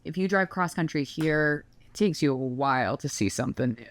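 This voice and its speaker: A woman's voice: low-pitched, expressive, normal speed. A woman co-hosting a podcast, agreeing and adding reflective remarks in casual conversation. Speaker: podcast co-host.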